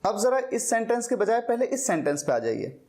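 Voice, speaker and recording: The pitch is extremely high, the delivery very animated, and the tone darkish. A patient male teacher takes his class through an explanatory lecture step by step, slowly repeating words to show their pronunciation.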